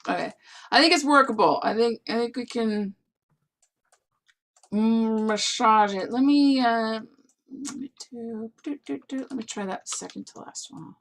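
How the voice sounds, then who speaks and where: Unhurried soft-spoken woman in a studio. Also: fairly high pitch. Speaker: songwriter recording vocals. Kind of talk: casual studio work talk.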